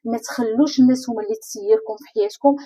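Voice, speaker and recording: A woman with a Moroccan Arabic accent gives a motivational coaching talk at a very fast clip. Her voice sits high and swings widely in pitch. She speaks straight to the listener and keeps asking rhetorical questions. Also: big pitch swings, gravelly, warm tone, breathy edge. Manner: addresses the listener directly, many rhetorical questions. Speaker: life coach.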